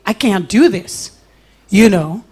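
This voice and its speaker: A woman's voice: mid-range voice, animated, slow, a little mellow, breathy edge. A middle-aged Nigerian woman giving a live talk at an event, telling stories with animation and acting out little quotes between laughs. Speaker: invited speaker.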